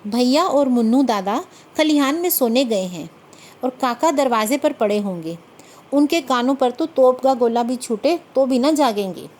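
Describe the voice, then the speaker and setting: Woman reading as a stubborn young wife, defiant, firm, high voice, raised and loud. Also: expressive, unhurried.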